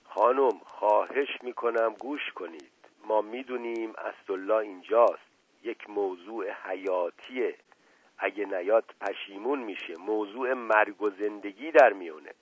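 A man's voice: fairly low pitch, breathy edge, no echo. A man voicing an older family patriarch who speaks in an imperious, indignant tone. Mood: urgent. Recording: tinny phone-like dry recording.

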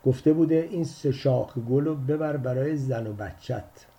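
A man's voice: medium pitch, mellow, lightly acted. A man voicing the protagonist's wife, firm and matter-of-fact, in an audiobook story.

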